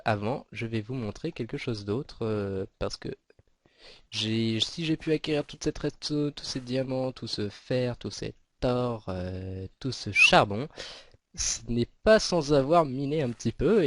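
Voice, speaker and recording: A man's voice: medium pitch, no echo. A man giving casual, rambling commentary over his own gameplay, with many fillers and restarts. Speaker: gaming video host.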